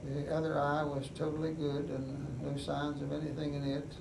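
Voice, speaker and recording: In an oral history interview, an older West Virginian veteran speaks in a monotone, his voice gravelly and a bit high. He takes his time, halting often with pauses and fillers. The room echoes, the mic is distant, and there's noise throughout.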